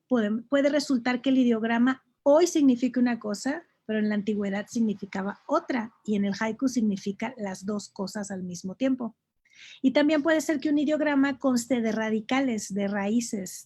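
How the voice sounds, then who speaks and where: Husky-voiced woman teaching a poetry lesson. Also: fairly high pitch, dark tone. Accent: Mexican Spanish. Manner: explains patiently, repeats examples slowly, checks with "¿ok?". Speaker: haiku workshop teacher.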